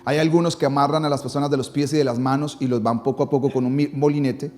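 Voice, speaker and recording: A man's voice: mid-range voice, fairly even intonation, fast, darkish tone, soft background music. A man preaching a sermon as pastor, dramatic, with his voice rising and falling for emphasis.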